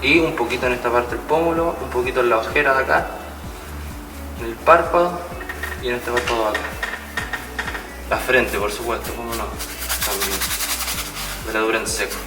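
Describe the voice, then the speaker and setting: A man's voice: mid-range voice, normal speed, long pauses. A man, demonstrating mural painting step by step and checking in with his students as he goes. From Chile. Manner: explanatory, checks in with "¿cierto?". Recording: roomy, distant mic, music behind.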